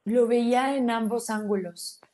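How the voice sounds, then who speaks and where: Mellow-voiced Mexican woman telling a story. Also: fairly high pitch, a little slow. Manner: animated, slangy, acts out her own quotes. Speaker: podcast guest. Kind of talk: casual storytelling chat.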